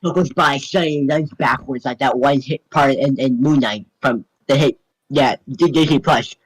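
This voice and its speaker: A man's voice: medium pitch, normal speed, slightly rough, no echo, rough recording. A man rambling casually with lots of fillers while dubbing a game with friends. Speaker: fan voice actor. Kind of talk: casual chat over a fan dub.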